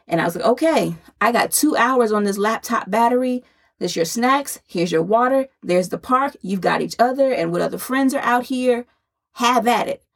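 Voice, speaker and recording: A woman's voice: medium pitch, gravelly, breathy edge. A woman in her thirties telling a personal story on a podcast in a candid, conversational way, audibly out of breath from late pregnancy. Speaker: podcast host and novelist.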